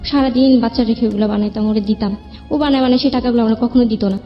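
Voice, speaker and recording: In rapid-fire, everyday speech, a young woman with a fairly high voice and a Bangladeshi accent rambles through personal stories as an interview guest. The sound is dull and lo-fi, with music behind her.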